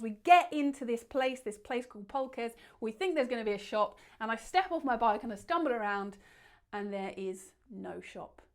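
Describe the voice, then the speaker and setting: Woman, storyteller, fairly high voice, lively bedtime adventure telling, acts out quotes loudly. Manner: lively, acts out quoted lines with big shouts.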